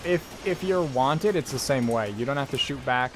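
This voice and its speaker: A male game streamer chats loosely while he plays, rambling and joking with his viewers. His voice sits at an ordinary middle pitch and his delivery stays casual and unscripted. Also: lively intonation, moderate pace, noisy background. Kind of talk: casual live gameplay commentary.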